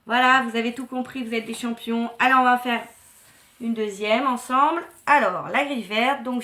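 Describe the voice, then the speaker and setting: A woman teacher speaks to young children at an unhurried pace, with a slightly high, bright voice. She is encouraging and sounds out syllables carefully, repeating words so they can follow. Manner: warm, encouraging, slow and clearly articulated. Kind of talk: classroom lesson for young children.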